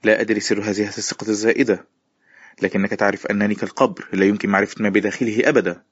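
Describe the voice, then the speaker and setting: A man's voice: on the low side, flat delivery, racing, slightly rough, no room sound. A man voicing a nervous, stubborn German informant in an audiobook, evasive and defensive, in a slightly muffled recording with faint music. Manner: defensive, evasive, rising to indignant. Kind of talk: audiobook character voice.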